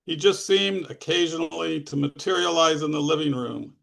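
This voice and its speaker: A man's voice: fairly high pitch, moderate pace, gravelly, fairly bright tone. A man, the author, reading his own fiction aloud at a live reading, with plain narration and occasional asides.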